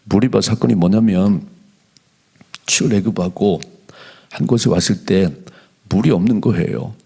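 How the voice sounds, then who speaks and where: A middle-aged male pastor giving an animated dawn prayer sermon in a church, slowing down whenever he reads scripture aloud. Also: fairly low pitch, gravelly, slightly rough. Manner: animated preaching, slows to read scripture aloud. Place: church sanctuary.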